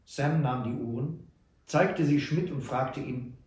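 A man narrating an audiobook in an even storytelling manner. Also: mid-range voice, takes it slowly, slight background noise. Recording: roomy echo.

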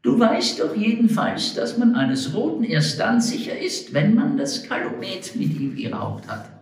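A man voicing a calm, wry older frontiersman who talks in a steady, dryly humorous way. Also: high voice, unhurried, pitched above the performer's own voice. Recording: roomy echo.

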